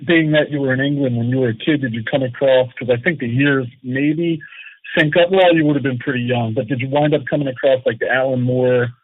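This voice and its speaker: A comics writer and editor in his early forties from Atlantic City answers questions as a guest in a casual interview, rambling in a friendly way with lots of ums and you-knows. His mid-range voice is fairly quick and fairly even, heard over a dry, tinny, phone-like line with no room sound.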